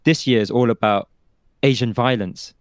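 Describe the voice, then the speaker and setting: A man's voice: medium pitch, moderate pace, no room sound. Man, podcast co-host, casual talk, poses his own questions and answers them, close dry mic.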